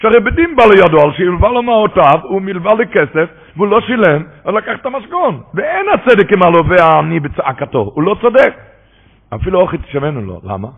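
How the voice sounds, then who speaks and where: Gravelly man lecturing over tinny radio. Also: high voice. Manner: animated, rising to emphatic preaching. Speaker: Torah teacher. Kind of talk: religious lecture on Talmud commentary. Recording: tinny phone-line radio broadcast.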